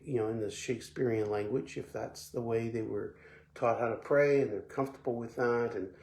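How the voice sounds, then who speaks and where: A man with a gravelly, creaky voice gives a relaxed devotional talk, stumbling over repeated words and filling pauses with "um". He speaks at a middle pitch in an echoey room with a faint hiss behind him. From Belgium. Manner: relaxed, repeats words often, many fillers. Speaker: pastor.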